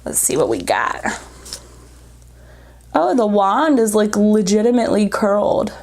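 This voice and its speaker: A woman's voice: mid-range voice, huge pitch swings, unhurried, darkish tone. A woman chatting casually and bluntly as she reviews makeup, sounding short of breath and congested from allergies, almost hyperventilating. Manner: informal, blunt, jokey asides. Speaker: beauty vlogger reviewing makeup. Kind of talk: casual chat to camera while applying makeup.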